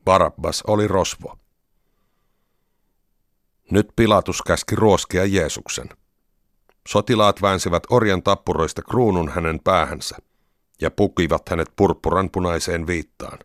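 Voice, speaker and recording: A man narrating a scripture reading in an even, measured way. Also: sits low, no echo, studio quality.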